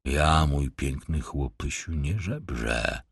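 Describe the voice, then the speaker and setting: A gruff old tramp growls and mutters , as a male audiobook reader puts him on, his voice sunk deep and hushed with a husky edge. He drawls every word with mocking, overfamiliar menace. The sound is close and dry. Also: animated, slow pace, no room sound, full character voice. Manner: ironic, threatening undertone. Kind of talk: audiobook character voice.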